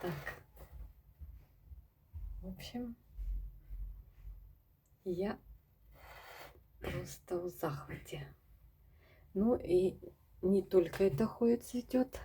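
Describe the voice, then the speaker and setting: A woman showing her houseplants in a casual vlog at home, speaking softly and often dropping to a whisper as she talks to her viewers. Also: medium pitch, very slow, long pauses, a little hiss or hum. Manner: soft-spoken, often drops to a whisper, addresses viewers as girls. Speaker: plant vlogger. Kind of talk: casual plant-collection vlog. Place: home among houseplants, indoors.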